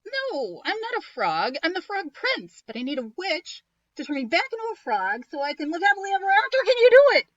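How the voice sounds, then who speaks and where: A woman's voice: high voice, very animated, unhurried, a bit bright, no echo, dull audio, pitched above the performer's own voice, heavily acted. A woman voicing an eager young frog prince who pleads insistently and gets flustered. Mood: pleading.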